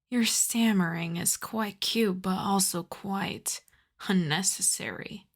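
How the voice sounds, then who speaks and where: In an ASMR roleplay, a woman with a mid-range voice plays a teasing, imperious older vampire countess, speaking slowly and theatrically with hints of breathy whisper.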